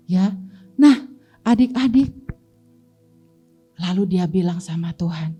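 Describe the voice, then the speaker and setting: A woman Sunday school teacher with an Indonesian accent tells children a Bible story, lively as she asks them questions and answers them along the way. Her voice is on the low side, slow and slightly rough, with faint music in the background.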